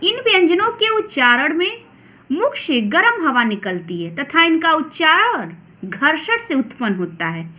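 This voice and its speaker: A woman teacher with a Hindi accent, slowly and deliberately explaining grammar to children. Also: sits high, very animated, bright, forceful tone. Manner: slow, deliberate, addresses children. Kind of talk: grammar lesson read aloud.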